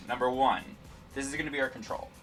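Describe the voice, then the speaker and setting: A man's voice: medium pitch, fairly even intonation, quick pace, a bit bright, recorded from a distance, soft background music. A man hosting a playful, casual science lesson and talking through an experiment. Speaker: science show host and demonstrator.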